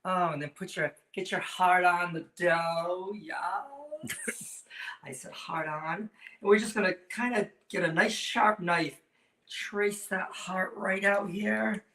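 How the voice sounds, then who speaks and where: A man's voice: sits high, fairly bright tone. Campy drag queen guy doing a cooking demo, cheeky, echoey kitchen, kinda far from the mic. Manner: campy drag queen banter, playful innuendo. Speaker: host of a cooking demonstration. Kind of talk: casual live cooking show chat. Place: indoor kitchen with stone counter. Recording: roomy echo, distant mic, faint noise.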